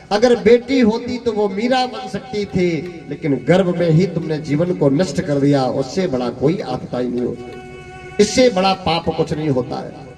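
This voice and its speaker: A man preaching a devotional scripture story to a gathering, chanting Sanskrit verses and calling out to his listeners. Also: high-pitched. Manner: chants Sanskrit verses, addresses the audience directly. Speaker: Bhagavat katha preacher. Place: religious gathering. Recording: distant mic with live instrumental music.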